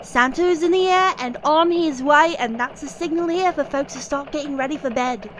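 High, eager elf reporter, a woman in the part, for a holiday radio news parody. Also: normal speed, fairly bright tone, slight background noise. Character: female elf field reporter, eager and proud. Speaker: field reporter.

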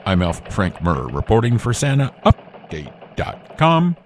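A man's voice: fairly low pitch, wildly swooping pitch, a little slow, slight background noise, heavily acted. A man playing an upbeat Christmas elf news anchor in a scripted holiday radio newscast, with a formal announcer delivery. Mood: bright, announcing.

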